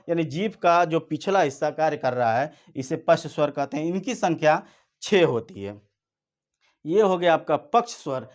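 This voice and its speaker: Slow-talking male teacher. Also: fairly high pitch. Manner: slow, repetitive explaining, drawn-out vowel demonstrations. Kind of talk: exam-prep lesson.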